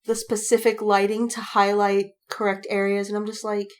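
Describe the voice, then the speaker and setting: In a mid-range voice at a moderate pace, a woman co-host shares animated stories on a podcast. The chat is casual, and she giggles while playing out the reactions she describes.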